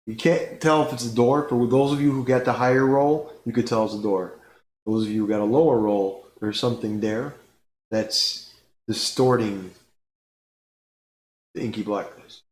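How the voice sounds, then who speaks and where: A man running a tabletop game, narrating scenes slowly with fillers and pauses. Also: medium pitch. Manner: slow, unhurried storytelling with fillers. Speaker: game master. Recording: roomy with faint noise.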